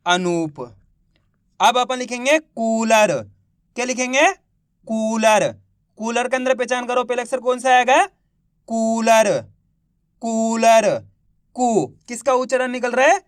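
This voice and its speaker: A man's voice: extremely high pitch, a bit bright, clear, resonant tone, no room sound, clean studio sound. A man teaching beginners to read, sounding out each word syllable by syllable and answering his own questions. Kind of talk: reading lesson for beginners.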